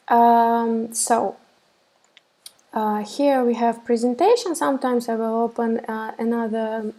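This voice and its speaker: A Russian woman in her thirties teaches web development in a live webinar, recorded on a laptop webcam in a small room indoors. Her voice sits on the high side with a dark, gravelly tone. She talks slowly and hesitantly, with many fillers and restarts.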